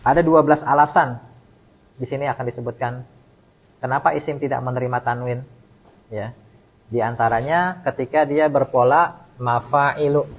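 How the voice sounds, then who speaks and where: Man, husky voice, Arabic grammar lesson, call-and-response drilling, calls on students by name. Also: mid-range voice, moderate pace, long pauses, rough recording. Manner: quizzes students by name, repeats terms for the class to finish. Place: mosque study session.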